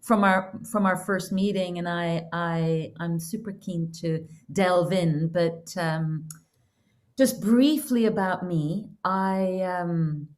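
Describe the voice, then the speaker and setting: A middle-aged woman from Norway speaks as an interview guest in an earnest, reflective manner. Her voice sits on the lower side, and she tells her story in a casual, unhurried way. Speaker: podcast guest, holistic counselor and coach.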